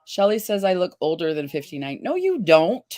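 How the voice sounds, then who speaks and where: A woman in her fifties talks on a livestream from her living room, her voice sitting a little low. She chats easily with her viewers through a webcam, reads their comments aloud and laughs often. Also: big pitch swings, normal speed, a little mellow. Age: 50s. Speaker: livestream host. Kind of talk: casual livestream chat. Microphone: webcam on a video call.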